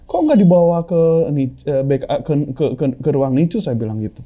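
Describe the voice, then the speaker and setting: An earnest young man tells a personal story in a relaxed chat, stumbling and restarting as he quotes others. His voice is very dark and mellow. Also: fairly high pitch, a little fast. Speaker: guest sharing a personal story. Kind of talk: casual heartfelt chat.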